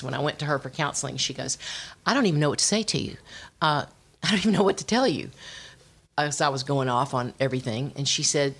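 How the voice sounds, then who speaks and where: Southern lady, middle-aged, low voice, giving her testimony, acts out what folks said, laughs a lot. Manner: lively storytelling, acts out quotes, laughs often. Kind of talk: personal testimony.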